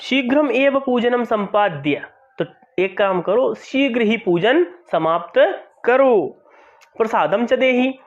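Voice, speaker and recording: Man reading as an eager sweet-craving husband, pleading, excited, high voice, muffled lo-fi sound. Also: slow, exaggerated voice. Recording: dull lo-fi sound.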